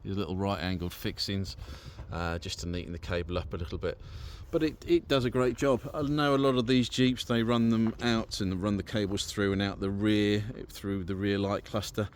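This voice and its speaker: Speaking at a moderate pace with hardly any pauses, this British man presents his vehicle installation in a chatty, easygoing manner. His pitch sits fairly low, he talks informally into a handheld camera or phone, and a little hiss or hum can be heard.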